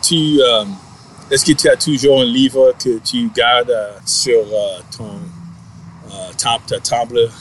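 A man's voice: medium pitch, fairly even intonation, a bit bright, a little hiss or hum. Man interviewing in a second language. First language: English. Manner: halting, searching for words in a second language. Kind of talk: casual conversational interview.

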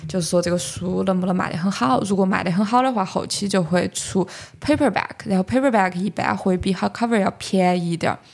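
A woman podcast host speaks with a Sichuanese accent in a gravelly, fry-edged voice at a medium pitch. She explains things conversationally, as in a casual book talk, and slips English words into her sentences. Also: fast, few pauses.

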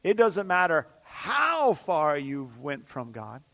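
Man, preacher, sermon, high voice, slow measured delivery, fervent repetition, drops to near-whispers. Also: wildly swooping pitch, creaky. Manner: dramatic swings from loud declarations to hushed near-whispers; fervent, repetitive emphatic phrasing.

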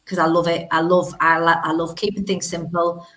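Low-pitched Teesside woman, blunt and emphatic. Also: flat delivery, a little fast, fairly bright tone. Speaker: interview guest, business owner. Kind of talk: casual interview chat.

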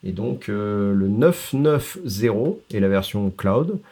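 A man's voice: on the low side, lively intonation, slow pace, dark tone, slightly rough. A man co-hosting a casual tech podcast, explaining product releases with frequent hesitations and English tech terms mixed in.

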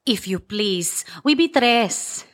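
A woman's voice: sits high, lively intonation. Woman playing a timid Spanish-speaking young mother. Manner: halting broken English, apologetic.

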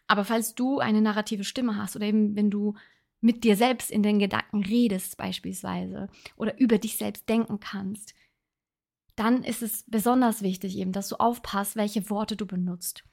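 A woman's voice: medium pitch, steady tone, normal speed, creaky, darkish tone. A woman talking casually on her self-help podcast, thinking aloud and giving earnest advice. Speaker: podcast host.

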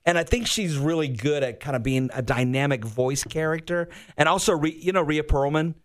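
An American man co-hosting a radio morning show in casual, chatty, animated, self-deprecating talk. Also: on the high side, normal speed.

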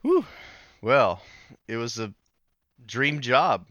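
A middle-aged man telling his story in an interview, earnest and animated, with pauses and fillers. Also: mid-range voice, dry recording, lo-fi sound. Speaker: interview guest, founder.

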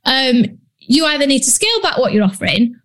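Very animated and brisk, her high-pitched voice a bit bright, a Yorkshire business coach chats on her casual solo podcast. Blunt and talkative, she peppers her Yorkshire English with ums and British slang, being from northern England.

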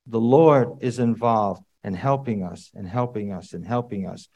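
A man preaching a sermon to a congregation in a conversational way, with rhetorical questions and sudden loud emphatic bursts. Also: lowish voice, moderate pace, lo-fi sound.

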